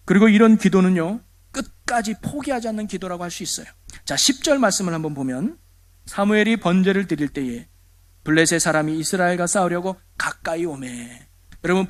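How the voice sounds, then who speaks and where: A middle-aged man preaching a sermon as pastor, telling stories with animation and asking the congregation rhetorical questions. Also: high-pitched.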